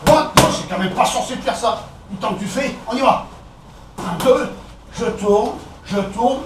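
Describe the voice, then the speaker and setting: A man with a French accent coaching a boxing session, counting out combinations and calling out punches in short, brisk commands. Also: very high voice. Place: echoey boxing gym. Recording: echoey gym, distant camera, background noise.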